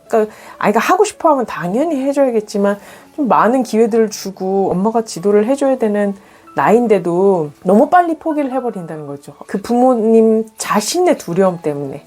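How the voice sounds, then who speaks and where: A middle-aged woman parenting coach, calmly explaining and acting out parents' inner thoughts. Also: a little high. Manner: calm, reflective, acts out parents' inner voices. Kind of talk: explanatory monologue.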